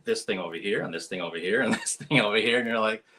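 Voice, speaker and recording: An American man interviews a guest over a video call, speaking earnestly and chattily with plenty of ums and likes. His voice is fairly low and sharp, and he talks fast.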